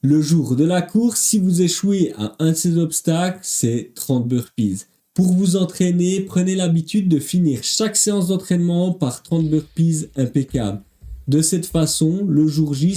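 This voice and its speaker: Dark-voiced French fitness vlogger. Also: male voice, fairly high pitch. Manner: upbeat, direct, speaks to viewer. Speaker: fitness coach. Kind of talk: motivational voice-over vlog.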